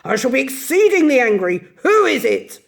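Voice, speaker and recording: A woman doing a gruff, hearty old badger. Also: high-pitched, very animated, normal speed, pitched above the performer's own voice, full character voice. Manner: hearty, grave.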